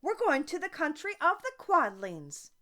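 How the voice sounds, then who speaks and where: A polite male scarecrow from a children's storybook, voiced by a woman. He sounds determined and earnest, lifting his pitch and speaking without hurry. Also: wildly swooping pitch, a little slow, pushed and bright, heavily acted. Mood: polite, insistent. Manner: earnest, insistent.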